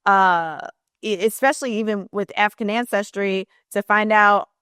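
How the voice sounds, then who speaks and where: Smooth-voiced, chatty podcast host woman. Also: medium pitch, fairly even intonation, moderate pace, fairly bright tone, dry recording, studio quality. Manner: enthusiastic, chatty, lots of "like". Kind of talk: casual interview chat.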